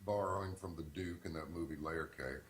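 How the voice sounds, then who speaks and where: A middle-aged man, a radio host, giving folksy, animated advice in conversation and acting out callers as he goes. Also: deep voice, fairly quick, reverberant, a little hiss or hum. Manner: folksy, animated storyteller who acts out callers.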